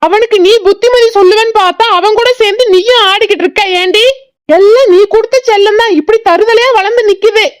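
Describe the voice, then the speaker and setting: A woman voicing a grumpy old village grandfather in a cartoon, with a southern Tamil Nadu accent, gruffly scolding and teasing his family. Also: extremely high pitch, fast talker, no echo, clean studio sound. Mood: grumbling. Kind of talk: cartoon voice acting.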